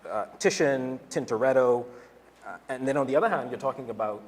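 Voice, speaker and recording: An art professor moderating an artist talk asks careful questions, restarting now and then, in a brisk, mid-range voice. The gallery hall adds long reverb and faint ambience.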